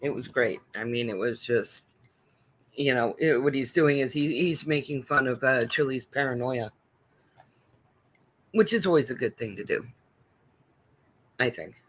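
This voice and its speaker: A man's voice: medium pitch, unhurried, pauses often, fairly bright tone. A man hosting a live stream in casual chat, hesitant and full of fillers.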